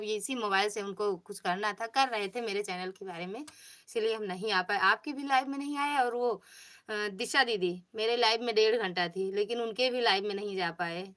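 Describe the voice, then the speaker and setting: A woman from Pratapgarh, Uttar Pradesh, hosts a casual phone livestream, reading viewer comments, greeting people by name and coaxing them. Her voice is mid-range with a sharp tone.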